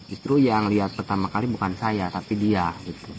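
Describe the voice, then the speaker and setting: A man casually recounting what he has seen, in halting short phrases, outdoors at night. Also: fairly low pitch, fairly even intonation. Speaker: local witness being interviewed. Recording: clear insect noise, outdoors at night.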